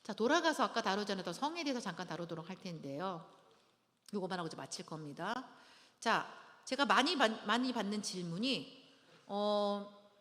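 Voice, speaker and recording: A middle-aged woman teaching a church marriage-preparation class in a lively, dramatic way, acting out little scenes and having the audience repeat after her. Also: medium pitch, moderate pace. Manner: lively, dramatic, acts out little scenes, leads call-and-response. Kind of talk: church lecture to engaged couples. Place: church hall. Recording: long hall reverb.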